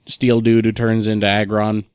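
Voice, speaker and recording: A man's voice: fairly low pitch, monotone, moderate pace, a little mellow, smooth, no echo, clean studio sound. A man co-hosting a casual podcast, rambling through long nerdy explanations. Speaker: podcast co-host. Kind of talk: casual chat.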